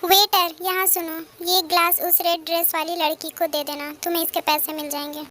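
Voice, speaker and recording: A woman plays a scheming, smooth-talking teenage boy who gives orders. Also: very high voice, little pitch movement, moderate pace, bright, forceful tone. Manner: bossy.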